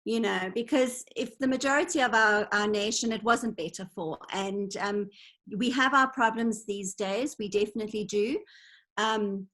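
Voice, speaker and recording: On a video call, a woman in her forties from Zimbabwe speaks at a normal speed in a slightly bright, mid-range voice. As an interview guest in a casual chat, she tells her stories in an earnest, reflective way.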